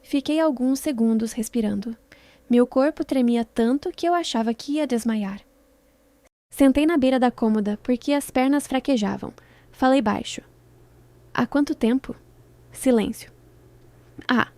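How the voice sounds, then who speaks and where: A woman narrating a scripted first-person story with a dramatic, measured delivery in short phrases. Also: on the high side, warm tone, no room sound.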